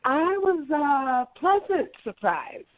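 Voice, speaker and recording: A woman's voice: high voice, big pitch swings, slow pace. A woman heard over the phone, talking in a laid-back, matter-of-fact way in casual chat. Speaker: caller. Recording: dull, dry phone line.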